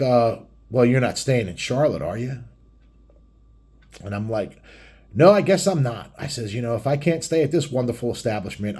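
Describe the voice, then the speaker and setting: A middle-aged biker vlogger with a lowish, darkish, slightly rough voice casually tells a rambling personal story. His talk is blunt, crude, and heavily profane.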